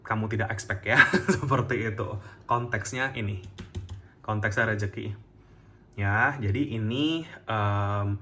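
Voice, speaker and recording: A man giving a casual, chatty tarot reading to camera, gentle and full of fillers and soft laughs. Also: on the low side. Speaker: tarot reader.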